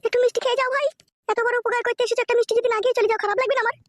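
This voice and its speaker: A woman voicing a shrill, scolding cartoon mother. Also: steady tone, very fast. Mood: bitter. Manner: scolding, cursing, whining. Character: shrill, bitter quarrelling mother.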